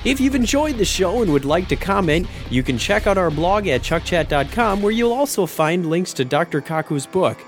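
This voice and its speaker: A man's voice: high-pitched, very animated, moderate pace, hardly any pauses, faint music behind. A man hosting a podcast, speaking in a presenter's wrap-up and sign-off style. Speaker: show host.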